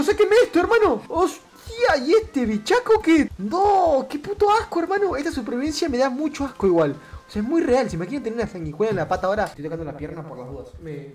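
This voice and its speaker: A man with an Argentine Rioplatense accent giving let's-play commentary, excitable, swearing a lot and shrieking at scares. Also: high voice. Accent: Argentine Rioplatense Spanish. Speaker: gamer.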